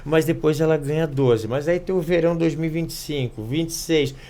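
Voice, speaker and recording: Halting male podcast host. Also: fairly high pitch, mellow. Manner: halting, restarts words, leans on tag questions. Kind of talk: casual podcast interview.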